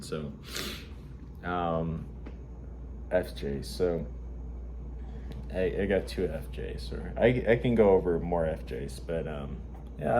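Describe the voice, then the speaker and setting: A man with a congested nose talking casually and haltingly to his audience, recorded in a warehouse. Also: extremely low pitch. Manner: halting, hesitant delivery with repeated words and pauses. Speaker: vlogger. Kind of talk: casual rambling talk. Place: warehouse at work. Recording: noisy warehouse ambience.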